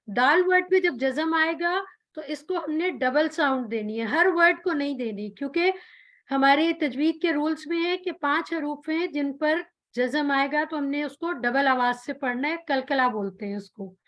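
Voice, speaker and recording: A woman's voice: sits high, fairly bright tone. A woman teaching Quran recitation, patiently explaining letter sounds and stretching out each example sound. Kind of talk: tajweed pronunciation lesson.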